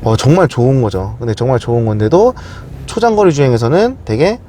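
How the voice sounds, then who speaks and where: A man's voice: medium pitch, animated, a little fast, dark tone, a little hiss or hum. A man presenting a casual explanatory walkthrough, often asking questions and answering them himself. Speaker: car video presenter.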